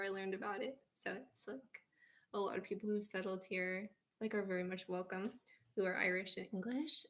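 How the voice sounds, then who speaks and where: American woman vlogger, drowsy, dreamy, rambling storyteller. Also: medium pitch. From United States. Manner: dreamy, meandering, many fillers and "like". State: sleepy.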